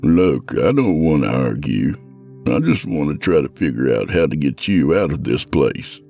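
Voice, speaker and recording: A man's voice: very deep voice, big pitch swings, moderate pace, gravelly, dark tone, soft background music, heavily acted. A man voicing a tired, worried father who pleads with his daughter. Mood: weary. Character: weary worried middle-aged father.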